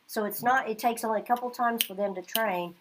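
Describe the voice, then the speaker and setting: A middle-aged Oklahoma woman teaches a class in a brisk, slightly high voice, with background noise audible. She's chatty and keeps checking in with her students, often asking "okay?"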